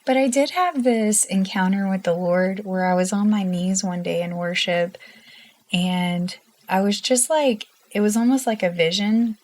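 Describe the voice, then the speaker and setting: A woman's voice: medium pitch, a little slow, a little mellow. A woman guest in an interview, telling her story in an earnest, emotional way and laughing often. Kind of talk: candid personal interview.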